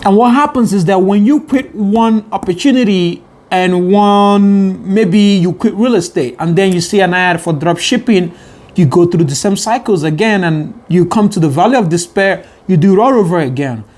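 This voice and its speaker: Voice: medium pitch, moderate pace, a little mellow. An earnest motivational vlogger talking to the camera, often repeating and restarting phrases as they push on.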